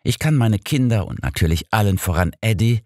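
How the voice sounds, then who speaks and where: A man voicing a brisk, motherly housekeeper who scolds two quarreling old men. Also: fairly low pitch, animated, a little mellow, no room sound, clean studio sound, voice pushed up, lightly acted. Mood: bossy. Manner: bossy, firm.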